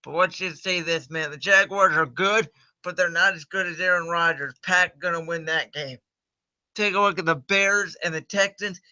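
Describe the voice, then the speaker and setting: A high-pitched man with a very bright, forceful voice talks through sports predictions in a relaxed, confident way, dropping "man" often. He sounds like a casual livestream host. The audio is muffled and lo-fi, like a cheap home computer mic. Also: moderate pace. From Cleveland, United States. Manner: chatty, confident, says "man" a lot.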